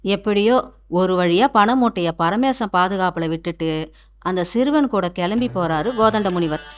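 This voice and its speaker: A woman's voice: mid-range voice, moderate pace, slight background noise. A woman narrating a cartoon folk tale in a storyteller's manner, with a Tamil accent.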